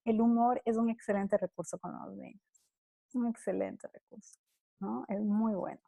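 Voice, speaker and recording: Woman in her 30s, mellow voice, easygoing conference Q&A, voices parent and child exchanges. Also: medium pitch, normal speed, creaky. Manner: conversational, acts out parent-child dialogues; laughs easily, lively quoting. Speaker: parenting speaker answering questions. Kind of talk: conference Q&A talk.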